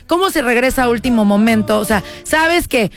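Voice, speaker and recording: A high-voiced woman with a Mexican accent hosts a casual gossip chat, retelling news and throwing questions at her audience. She talks in a lively, storytelling way. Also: brisk, faint music behind. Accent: Mexican Spanish. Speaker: gossip show host.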